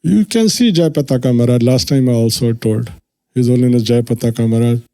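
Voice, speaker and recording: A man's voice: medium pitch, fast talker, dark tone, clean tone. A man giving an earnest devotional lecture at a temple, explaining scripture and acting out quoted lines. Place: temple hall.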